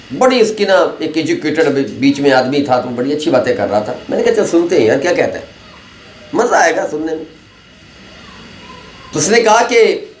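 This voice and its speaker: A man teaches English in a chatty classroom lecture, stopping to drill pronunciation between anecdotes. His voice sits fairly high. The recording is echoey, with faint noise in the background.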